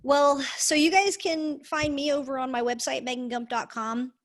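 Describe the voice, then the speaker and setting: A woman with a fairly high voice co-hosts a podcast in a casual, enthusiastic way, stressing and repeating words for emphasis. Her microphone has a hallway echo, so the voice sounds like it comes from an echoey indoor space. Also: steady tone, moderate pace. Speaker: podcast co-host.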